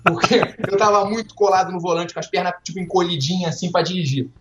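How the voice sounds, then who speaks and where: Young guy telling a story fast and animated, high voice, echoey lo-fi audio. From Rio de Janeiro, Brazil. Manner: animated, acts out other people's voices. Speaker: podcast guest. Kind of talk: casual storytelling. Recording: roomy, dull lo-fi with faint music.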